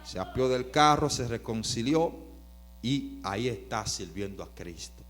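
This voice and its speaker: A man preaching a storytelling sermon, swinging from loud emphatic bursts to quiet narration. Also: mid-range voice, lively intonation, a little slow, slight background noise.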